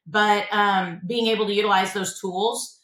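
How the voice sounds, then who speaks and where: A woman's voice: medium pitch, fairly even intonation, normal speed, fairly bright tone, echoey room, rough recording. A woman who owns an insurance agency, a podcast guest talking about her work in an earnest, motivational way and often repeating words as she starts a thought. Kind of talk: casual interview chat.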